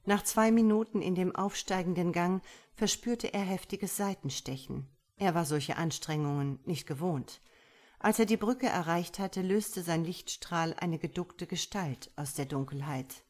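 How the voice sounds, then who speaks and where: A woman narrates a tense adventure story in steady, measured scripted narration. Her voice sits on the low side. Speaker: audiobook narrator.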